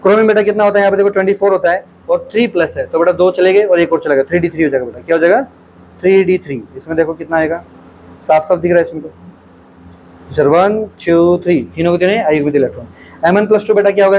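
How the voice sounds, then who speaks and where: A man's voice: high voice, darkish tone, slight background noise, poor audio. A male teacher solves exam questions aloud in a lecture, keeps calling his students "beta", and asks questions and repeats the answers.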